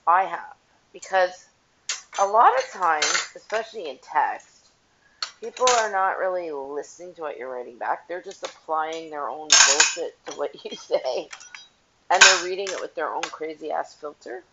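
A woman's voice: low-pitched, a little slow, heavy background noise. A woman hosting a casual solo podcast while washing dishes, talking bluntly and profanely, with a tinny, tin-can sound from her headset mic. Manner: blunt and profane, frank opinions. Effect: tinny, metallic tin-can sound. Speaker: podcast host. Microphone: headphones with mic. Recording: dull tin-can sound with faint dish clatter.

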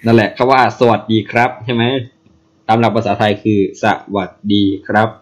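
A man's voice: medium pitch, steady tone, a little fast. A man casually explaining something to a co-host, playfully sounding out syllables one by one.

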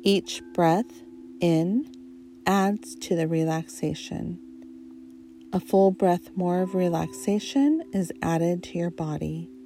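A woman guiding a relaxation meditation in a soft, soothing, hypnotist-like voice, leaving long pauses between short phrases. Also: on the low side, slight background noise. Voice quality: soft, mellow. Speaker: guided meditation narrator.

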